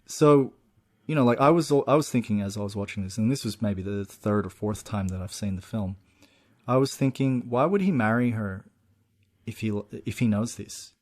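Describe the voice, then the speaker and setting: A man's voice: lowish voice, a little fast, darkish tone. A man co-hosting a podcast, casually walking through a film's plot at length and peppering his talk with "you know" and "look". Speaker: podcast co-host. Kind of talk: casual film discussion.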